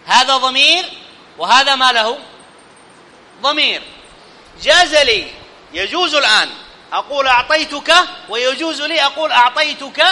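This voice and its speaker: Male grammar teacher, high and sharp-toned, quizzing his class as he goes; echoing hall sound. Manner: questioning students, checking understanding. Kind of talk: live classroom grammar lesson. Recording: long reverb in a hall.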